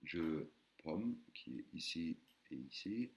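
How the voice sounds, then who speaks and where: A man teaching a recorded language lesson, patiently explaining and sounding out words slowly, syllable by syllable. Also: very deep voice, animated, vocal fry. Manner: slow, careful, syllable-by-syllable pronunciation of Thai words.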